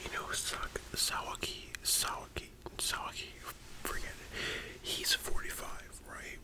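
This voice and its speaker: A person in a whispered role-play as a librarian, speaking in a soft, breathy library whisper in a rambling, informal, opinionated way. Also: a little slow. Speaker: ASMR performer.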